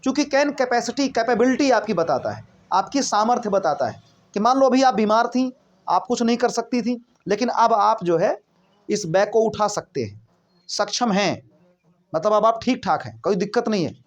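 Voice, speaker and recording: A man's voice: high-pitched, expressive, normal speed. A man teaching a spoken English lesson, asking questions and answering them himself, often checking that listeners are following. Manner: explains by asking and answering his own questions; repeats points, checks in with listeners.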